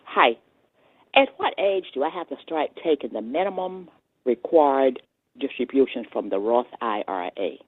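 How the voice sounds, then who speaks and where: An older woman in her seventies speaks through a tinny, phone-like line. Her voice is slightly husky, and the sound is dry and close. She asks short, direct questions as a radio caller. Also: very deep voice, lively intonation, normal speed, no room sound. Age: 70s. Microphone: telephone.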